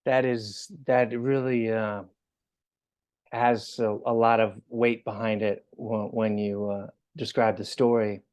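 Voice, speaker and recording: A man's voice: fairly low pitch, flat delivery, slow, a little mellow. Rambling male interview host. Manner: rambling, restarting sentences, many fillers. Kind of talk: casual interview.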